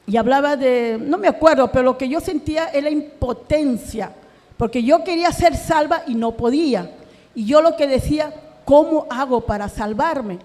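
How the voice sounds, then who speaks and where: A woman's voice: high-pitched, moderate pace, darkish tone, big-room sound. A middle-aged woman from Peru giving an earnest, emotional personal testimony in a church, acting out remembered conversations as her voice rises in anguish. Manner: earnest, acts out remembered dialogue, voice rising in anguish. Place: church hall.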